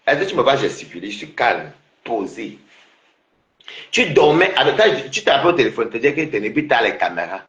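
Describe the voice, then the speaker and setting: A man's voice: medium pitch, sing-song, quick pace, few pauses, a bit bright, echoey room, muffled recording. A man taunting a rival on his livestream, repeating himself and laughing mockingly.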